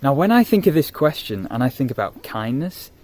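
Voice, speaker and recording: A man telling a Bible story to camera in an animated, conversational way. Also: mid-range voice, a little fast, dry recording. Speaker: youth vlogger and interviewer.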